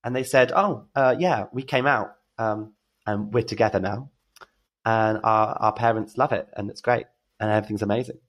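A British man, a drag storyteller, telling a story as a podcast guest, acting out the quotes with big leaps in pitch and gasps. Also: moderate pace. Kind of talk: animated storytelling.

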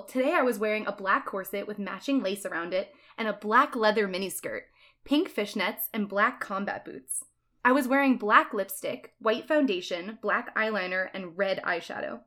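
A woman with a bright, forward voice reads a story aloud in the first person. Her delivery is mock-earnest and dramatic, pressing on each line. Her pitch sits in a middle range. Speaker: reader. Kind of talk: reading a fan fiction aloud.

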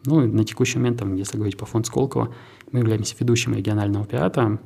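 A man who heads a tech park, answering interview questions in a measured, businesslike way with some restarts. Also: lowish voice, steady tone, creaky, a little mellow, husky.

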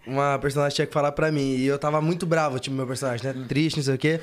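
A man who acts in a series, telling set stories in an excited, laughing, slangy way as a podcast guest. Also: medium pitch, rapid-fire. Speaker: actor guest. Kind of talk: casual chat.

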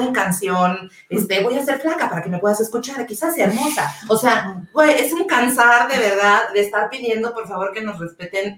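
A woman's voice: mid-range voice, a bit bright. A woman in her thirties with a Mexican Spanish accent, co-hosting a casual podcast and talking with passion and plenty of swearing. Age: 30s. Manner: passionate, swearing, fast rants. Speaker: podcast co-host. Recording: roomy, distant mic.

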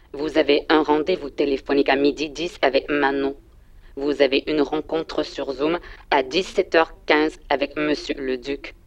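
A performer voicing a synthetic phone assistant that reads out directions and reminders in even, clipped announcements. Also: medium pitch, dull audio, close to an everyday voice. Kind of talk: voice assistant prompts.

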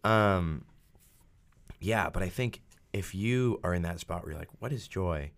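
A man's voice: deep voice, unhurried. A man hosting a podcast, talking casually about faith with many fillers and acting out quotes in a raised voice. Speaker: podcast host.

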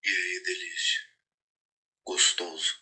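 A man putting on a low, husky, seductive voice of a man in love with his own voice. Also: steady tone, slow, sharp tone, heavily acted. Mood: sultry. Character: seductive deep-voiced man admiring himself.

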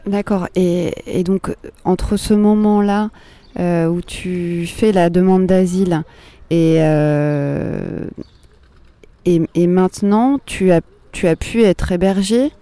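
Mellow-voiced radio documentary host. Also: medium pitch, takes it slowly, clear, resonant tone, dry recording. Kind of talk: radio documentary narration and interview.

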